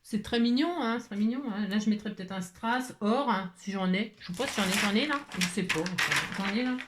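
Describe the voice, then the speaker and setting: A woman's voice: mid-range voice, brisk, echoey room, noisy background. Chatty woman thinking aloud over her crafts. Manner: chatty, thinks aloud, lots of "hein" and "voilà". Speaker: craft video host.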